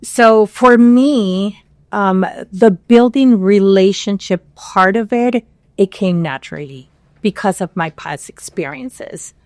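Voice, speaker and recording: Peru-born woman, measured podcast guest. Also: medium pitch, darkish tone, no room sound. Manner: measured, with frequent pauses and fillers. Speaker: podcast guest, regional director. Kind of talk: interview conversation.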